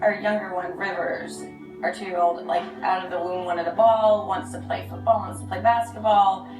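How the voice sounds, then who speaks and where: A woman in her thirties chatting lively in an interview, often laughing. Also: medium pitch, normal speed. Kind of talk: casual interview. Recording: roomy and distant, over soft music.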